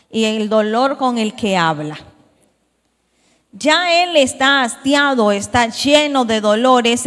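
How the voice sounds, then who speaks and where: A woman's voice: high voice, fairly bright tone. A woman leading a church Bible study in a conversational way, asking the congregation questions. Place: church hall. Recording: reverberant church hall.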